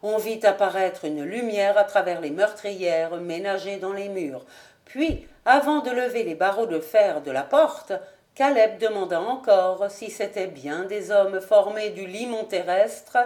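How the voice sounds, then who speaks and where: A woman reading a classic novel aloud as an audiobook narrator. Her delivery is measured and very slow, with a mid-range voice. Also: mid-range voice, expressive, mellow. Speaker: audiobook reader.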